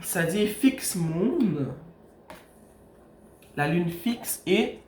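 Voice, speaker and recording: A woman doing a casual tarot reading, talking straight to the viewer and softly calling on the universe for messages. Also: on the low side, extremely slow. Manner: speaks straight to the viewer, calls on the universe in soft pleas. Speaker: tarot card reader. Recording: echoey room with steady background noise.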